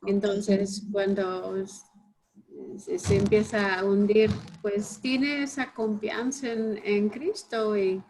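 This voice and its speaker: A woman taking part in a Bible study discussion, speaking thoughtfully and pausing to reflect. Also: mid-range voice, fairly even intonation, a little mellow, slight background noise, poor audio. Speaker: study group participant.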